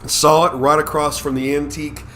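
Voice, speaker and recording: A man's voice: fairly high pitch, flat delivery, fairly quick, sharp tone, slight background noise. A man hosting a casual live interview, heaping effusive praise on his guest. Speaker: host.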